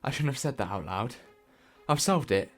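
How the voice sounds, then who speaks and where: A man's voice: medium pitch, lively intonation, normal speed, faint music behind, natural voice. The Doctor, a whimsical sleuth voiced by a man. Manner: chatty and whimsical. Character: the Doctor, eccentric time-travelling male sleuth. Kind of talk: fan audio drama acting.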